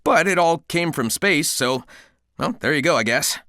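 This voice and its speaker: A cocky, good-hearted young hedgehog hero from a video game. The voice is youthful and slightly high, with lively swings in pitch. It is dry and close, and the delivery is casual, breezy and confident. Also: male voice, moderate pace, no room sound. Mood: musing. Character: cocky, upbeat, caring young male cartoon hedgehog hero. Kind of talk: video game character dialogue.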